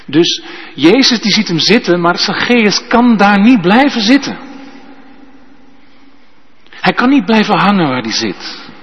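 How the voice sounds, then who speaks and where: A man preaching slowly, his fairly high voice rising and falling in wide swings. The tone is a little husky, and the sound is dull and muffled, with a long reverb trailing through a large church. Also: sing-song. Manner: slow, emphatic preaching with tag questions. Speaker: pastor. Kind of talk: sermon.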